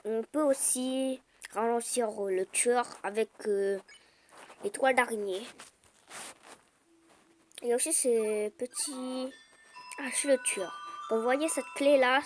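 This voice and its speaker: A woman commenting casually on her phone game as she plays, explaining with many hesitations and fillers. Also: fairly high pitch. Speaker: gameplay commentator. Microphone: phone screen recording. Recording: game music behind the voice. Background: game music.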